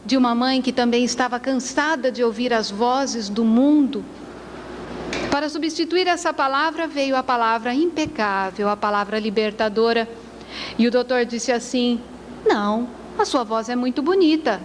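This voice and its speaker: Woman giving a slow, emphatic spiritist lecture. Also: on the high side. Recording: long hall reverb, faint traffic noise.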